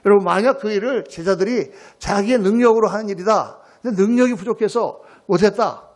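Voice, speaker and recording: A middle-aged man preaching a Sunday sermon as pastor, swinging between loud exclamations and hushed near-whispers. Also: high voice, brisk.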